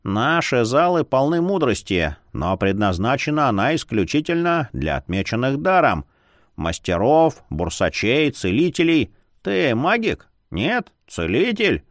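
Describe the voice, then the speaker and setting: Brief: sharp-tongued grey-haired librarian woman, put on by a male audiobook reader, raised pitch, haughty, slow scolding, dry sound. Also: dry recording.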